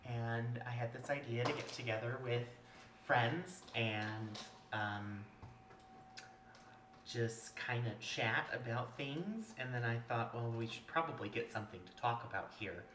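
A man hosting a casual podcast chat, high and relaxed, rambling with lots of fillers. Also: a little slow, echoey room, a little hiss or hum. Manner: laid-back, rambling with fillers. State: high on cannabis. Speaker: podcast host.

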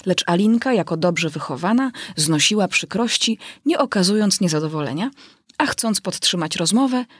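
A woman narrates a classic children's tale in a measured, expressive reading. Her voice is fairly low and husky. The recording is dry and close. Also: dry recording. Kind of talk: audiobook narration.

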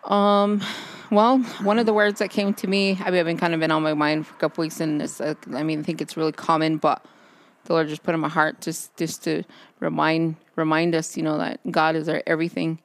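A woman with a fairly low, flat voice co-hosts a relaxed faith podcast. She talks in halting starts and restarts, leaning on fillers as she gathers her thoughts. She is recorded outdoors under a backyard overhang. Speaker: podcast co-host. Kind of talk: casual faith chat.

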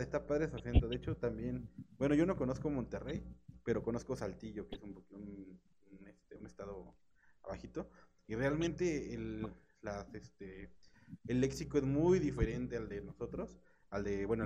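A young man with a central Mexican accent, hosting a casual conversation, relaxed and chatty, acting out people he quotes. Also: mid-range voice, low-quality recording. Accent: central Mexican Spanish. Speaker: host.

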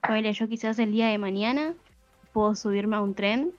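A woman's voice: medium pitch, fairly quick, no room sound. A young woman co-hosting a casual podcast, speaking in an earnest, reflective way. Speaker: podcast co-host. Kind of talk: casual chat. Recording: dull muffled sound with faint music.

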